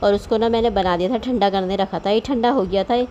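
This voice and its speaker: Chatty woman with a mellow voice. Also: mid-range voice, fairly quick, muffled recording, slight background noise. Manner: chatty, rambling, homely storytelling. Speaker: vlogger. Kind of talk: casual voice-over cooking vlog.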